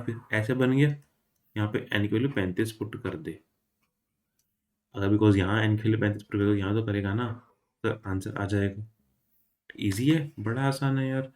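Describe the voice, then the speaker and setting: Chatty young maths tutor, lowish voice. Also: male voice, a little mellow. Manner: chatty, informal, mixes Hindi and English, apologetic about mistakes. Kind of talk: casual exam-revision lesson.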